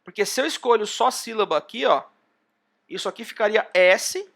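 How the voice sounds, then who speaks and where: Animated and at a normal speed, a Brazilian university lecturer with a Brazilian Portuguese accent runs an online class over video call. His high, bright, gravelly voice guides the example step by step, often pointing with "ó".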